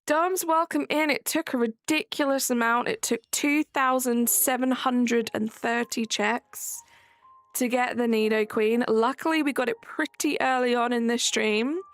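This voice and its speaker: A young woman live-streams a game, chatting casually and reading and answering viewers' chat as she plays. Her voice is on the high side with a steady tone and a measured pace, with no room sound and faint background music.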